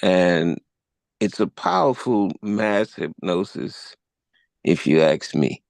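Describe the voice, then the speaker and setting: A man hosting a live podcast discussion, speaking in a measured, deliberate way and laughing easily. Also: deep voice, expressive, creaky, no room sound. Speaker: podcast host.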